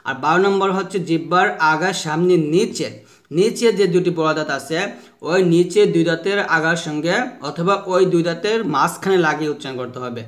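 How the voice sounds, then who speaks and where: A man with a slightly higher-than-usual voice teaches Quran letter pronunciation. He talks patiently and repeats each point, then stretches out single sounds for listeners to copy. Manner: slow drawn-out modelling of letter sounds with repetition drills. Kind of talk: pronunciation lesson.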